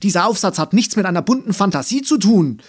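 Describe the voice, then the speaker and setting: A man voicing a strict, severe middle-aged female teacher in an audiobook story, cold and increasingly loud. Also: high voice, lively intonation, quick pace, pitched above the performer's own voice. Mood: scolding. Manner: cold, severe, growing louder.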